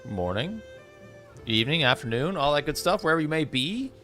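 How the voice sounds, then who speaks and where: A man's voice: on the high side, sing-song, fairly quick, fairly bright tone, soft background music. A man with a cold and a congested voice, chatting casually with viewers as he streams a game. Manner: chatty, rambling, greets chat by name. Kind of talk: casual live-stream chat.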